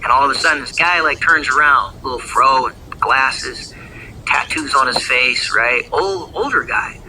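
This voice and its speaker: Telling his story as an ex-gang member, a man rambles casually, swearing, using slang and leaning on fillers. His mid-range voice sounds pushed and bright, at a moderate pace. The low-quality recording has a little hiss or hum.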